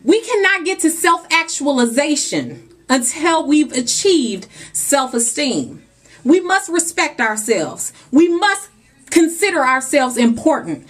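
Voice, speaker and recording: A young woman with a notably high voice talks straight to camera in an emphatic, preachy way. She urges her viewers on and calls them "guys" and "y'all". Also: big pitch swings, takes it slowly. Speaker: vlogger. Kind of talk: motivational talk to camera.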